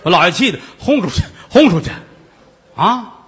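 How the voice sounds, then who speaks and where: A man telling a traditional comic story in storyteller style, animated and switching voices for the characters. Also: sits high, normal speed, a little hiss or hum.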